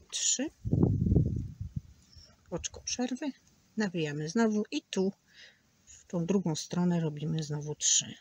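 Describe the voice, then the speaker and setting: A woman's voice: on the low side, breathy edge, no room sound. A woman teaching a crochet tutorial, patiently counting stitches aloud and sometimes dropping to a near whisper. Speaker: crochet instructor.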